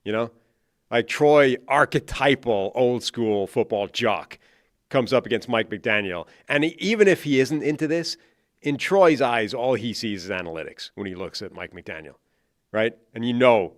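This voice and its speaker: On a casual football podcast, a male co-host and analyst keeps a running bit going with wry, joking humor. His mid-range voice is animated and moves at normal speed, captured in clean studio sound with no room echo.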